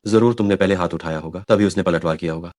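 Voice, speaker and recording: A man's voice: deep voice, quick pace, darkish tone, dry recording, clean studio sound, lightly acted. A man voicing a cold, commanding young CEO in a Hindi dub, speaking in curt, stern orders.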